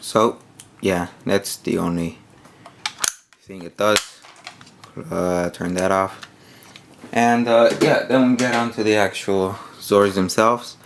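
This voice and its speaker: A man's voice: lowish voice, steady tone, slow pace, long pauses, noisy background. A man giving a casual, hands-on toy review, rambling with many fillers while he demonstrates the pieces.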